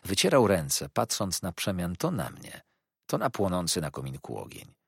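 Husky, expressive male audiobook narrator. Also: deep voice, normal speed, dry recording, clean studio sound. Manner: expressive, animated reading. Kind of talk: scripted narration.

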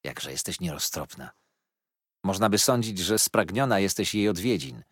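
A gentle, anxious young mother, voiced by a male reader in a storybook, speaking in a soft, pleading way. Her voice is slightly husky and close to the mic in a dry room. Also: low-pitched, animated, moderate pace, no room sound. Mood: reproachful.

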